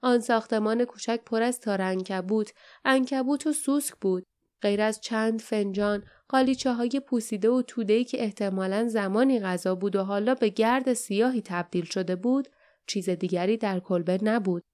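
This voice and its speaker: A woman reading an audiobook as narrator, telling the story in a calm, even way. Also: medium pitch, clear, resonant tone. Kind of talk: scripted narration.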